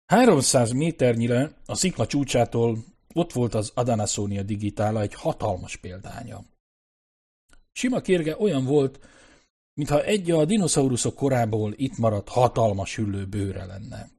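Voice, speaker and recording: Male audiobook narrator, measured and descriptive, husky tone. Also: mid-range voice, animated, mellow. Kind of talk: scripted narration.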